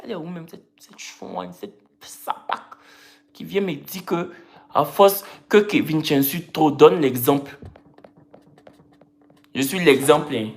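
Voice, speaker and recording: A woman's voice: low-pitched, unhurried, long pauses. A woman chatting casually on a live stream, teasing and repeating her phrases in a playful, joking way. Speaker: social media personality. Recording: roomy echo.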